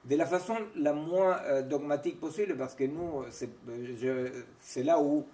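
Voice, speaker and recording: A man lecturing at a seminar, his voice set a little high for a man. He is recorded from across an echoey room. He hesitates and restarts often, and he keeps tossing questions back to the audience as he goes. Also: moderate pace, dark tone. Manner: digressive, keeps checking in with "vous voyez", "non?", "hein". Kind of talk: informal academic seminar lecture. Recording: echoey room, mic far from speaker.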